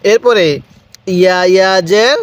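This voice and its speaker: High-voiced man drilling slow recitation. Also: clear, resonant tone, no echo. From Bangladesh. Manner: slow, deliberate, drawing out syllables for learners to repeat. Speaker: Quran reading teacher. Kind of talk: recitation lesson, repeat-after-me drill.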